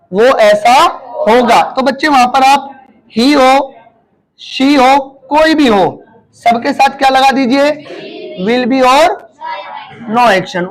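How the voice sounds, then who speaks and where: Indian man teaching English loudly. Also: very high voice, low-quality recording. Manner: calls out questions to students, often loud. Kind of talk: classroom lesson in Hindi and English.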